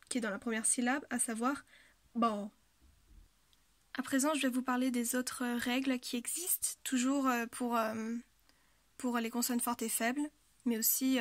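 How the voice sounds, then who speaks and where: Slow, patient woman teaching pronunciation. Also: a little high, no room sound. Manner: patient, repeats words slowly, frequent hesitations. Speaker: language teacher. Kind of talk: explanatory lesson.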